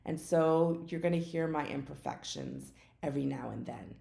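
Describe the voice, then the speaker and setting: A woman from the United States talks through her solo podcast in a chatty, unedited way, stumbling over words now and then. Her voice sits low with a gravelly edge. The room around her has a noticeable echo. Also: expressive, normal speed, dark tone. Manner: chatty, self-correcting, tongue-tied at times. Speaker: podcast host. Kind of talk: casual solo podcast talk. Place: home in Florida. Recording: echoey room.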